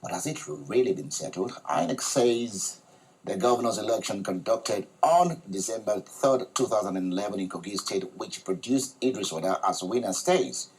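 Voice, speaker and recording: A man hosting a studio talk show, reading a news report in a measured, formal way. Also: lowish voice, expressive, darkish tone, husky, poor audio.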